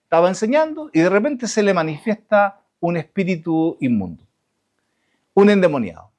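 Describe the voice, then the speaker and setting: Animated male preacher, lively high voice. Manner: halting, many restarts and fillers; rhetorical questions to the congregation. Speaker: pastor. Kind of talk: sermon.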